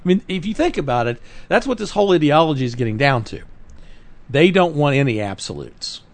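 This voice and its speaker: A man's voice: fairly high pitch, sing-song, brisk. A man co-hosting a political talk podcast, speaking earnestly and emphatically, often correcting himself mid-sentence. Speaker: podcast co-host. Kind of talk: political talk radio chat.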